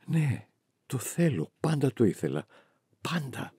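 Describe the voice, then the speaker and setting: A man's voice: medium pitch, big pitch swings, mellow, slightly rough, no room sound, studio quality, voice pushed up, exaggerated voice. A man voicing a shy, frightened young woman who speaks timidly, in an audiobook reading. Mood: shy tender.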